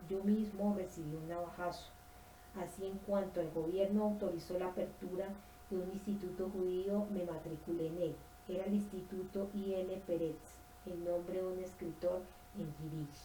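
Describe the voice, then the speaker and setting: A woman reading a nonfiction history book aloud at a steady pace, sometimes stumbling and correcting herself. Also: on the low side, roomy sound, slight background noise, rough recording. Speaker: audiobook reader.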